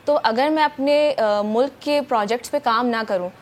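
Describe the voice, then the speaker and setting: Speaking in a slightly high voice, a young voice-over artist from Pakistan gives an enthusiastic morning show interview in a TV studio. She fills her talk with many fillers, and a faint hiss or hum runs under the audio.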